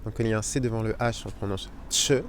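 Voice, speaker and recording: A man with a fairly low, steady voice teaches the Spanish letters, explaining slowly while spelling out the sounds and repeating them. It's a language lesson with slight background noise.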